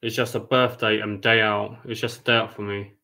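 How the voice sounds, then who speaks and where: A young man, chatting casually on a livestream, repeating himself with halting restarts. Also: lowish voice, little pitch movement, gravelly, bright, forceful tone, rough recording. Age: 20s.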